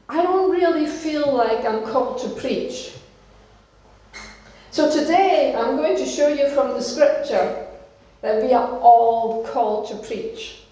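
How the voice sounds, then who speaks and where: Preaching in a church hall with heavy echo, a pastor from Denmark delivers her sermon in short, emphatic, earnest bursts of encouragement. Her voice is high-pitched and mellow.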